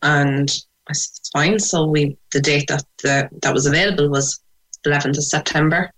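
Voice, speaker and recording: A woman's voice: sits low, steady tone, moderate pace, rough recording. Irish woman, west of ireland accent, talking about her life in an interview, thoughtful, bit hesitant. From Sligo, west of Ireland. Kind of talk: personal interview, recounting memories.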